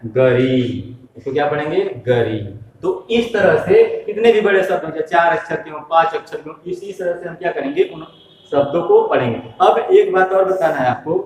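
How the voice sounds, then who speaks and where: With a high, animated voice and a slightly fast delivery, a man leads a slow, step-by-step primary school Hindi class. He patiently spells letters and answers his own questions; the sound is distant and echoey, with a bit of background noise.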